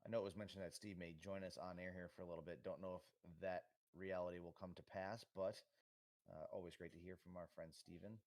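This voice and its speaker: A man under forty hosts relaxed remote commentary, talking along in a chatty, easygoing way. His voice sits low and sounds dry and close. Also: quick pace, dry recording. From United States. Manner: chatty, easygoing, with frequent fillers.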